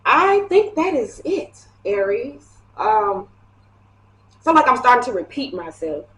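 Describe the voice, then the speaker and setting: A woman reads tarot cards in a casual, chatty way and laughs often as she goes. Her voice sits a touch high. The room around her is echoey. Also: sing-song, a little slow, fairly bright tone. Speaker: tarot reader. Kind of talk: casual tarot reading to camera.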